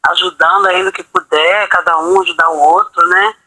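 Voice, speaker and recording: A meeting host on a video call, wrapping up slowly and haltingly. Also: medium pitch, big pitch swings, gravelly, sharp tone, no room sound, poor audio. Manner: slow, halting closing remarks.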